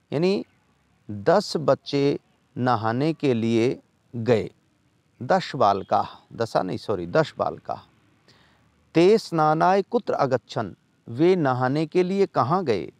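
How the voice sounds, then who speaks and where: Male teacher, patient, line-by-line lesson, very slow, dry close sound. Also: fairly high pitch, gravelly, a little mellow, no room sound. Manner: reads a line, then translates it slowly and patiently. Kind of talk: classroom lesson explaining a textbook chapter.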